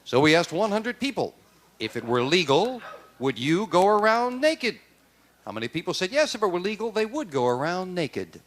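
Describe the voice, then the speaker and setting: An American man hosting a game show, announcing questions and results with animated emphasis in a television studio. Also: sits high, normal speed. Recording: noisy TV studio with crowd.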